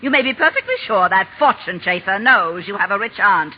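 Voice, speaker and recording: An imperious old lady in vintage radio drama. She scolds haughtily in a husky, sharp-tongued voice. The recording is dull and old. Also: mid-range voice, lively intonation, brisk. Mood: outraged. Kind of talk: 1940s radio drama acting.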